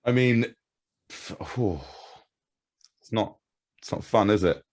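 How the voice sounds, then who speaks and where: A man from England, a comedian guest in a casual chat, talking in an animated, sweary, rambling way. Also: fairly low pitch, slow pace.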